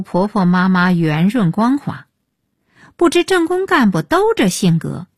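A woman narrating a story in a slow, measured and expressive reading style. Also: medium pitch, no room sound, clean studio sound. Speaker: audiobook narrator.

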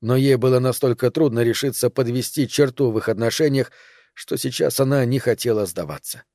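A man reading a novel aloud in measured, even narration. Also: mid-range voice, no room sound, clean studio sound. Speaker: audiobook reader. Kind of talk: scripted narration.

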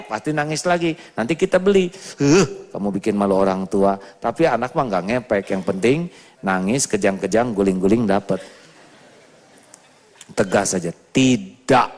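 A man preaching a sermon to a live audience, asking them rhetorical questions as he goes. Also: mid-range voice. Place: large hall with an audience. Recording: long hall reverb.

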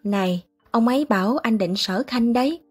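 A woman voicing a calm, measured old gentleman. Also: fairly high pitch, husky, soft background music. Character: calm elderly gentleman scholar, patient and wry.

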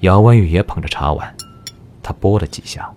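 A man's voice: low-pitched, a little fast, darkish tone. A man narrating a historical audio drama in a scripted, dramatic storytelling style. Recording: music behind the narration.

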